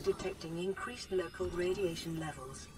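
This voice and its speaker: A woman voicing a calm female computer assistant, like a gentle care robot, who makes even, measured and reassuring announcements. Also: fairly low pitch, very noisy. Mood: calm, informative. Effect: gentle care robot voice, calm and soothing. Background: loud game music.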